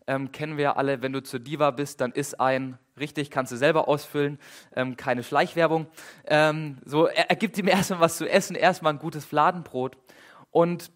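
A man preaching a sermon in a casual, lively way, with dramatic retellings and repeated phrases. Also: on the high side.

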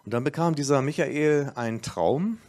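A man's voice: a little high, moderate pace, darkish tone. A man preaching a sermon, retelling a story loosely with fillers and restarts.

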